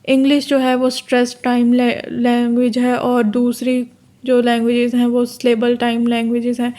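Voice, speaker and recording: Pakistani woman tutor, flat and high. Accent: Pakistani Urdu. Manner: casual, explains step by step, reads English terms slowly. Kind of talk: exam-prep lecture.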